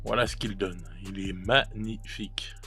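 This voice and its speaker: A man's voice: lowish voice, fairly even intonation, measured pace, gravelly, sharp tone, slightly rough, soft background music. A man casually reviewing paint colors, chatty and hesitant, with many fillers and restarts and self-mocking laughs at his own mistakes. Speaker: miniature painting youtuber.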